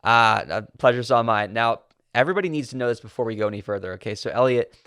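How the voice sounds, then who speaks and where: A man's voice: mid-range voice, fast talker, a bit bright, clean tone, no echo. Eager male interview host, dry sound. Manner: eager, enthusiastic. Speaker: podcast host. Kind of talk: casual interview.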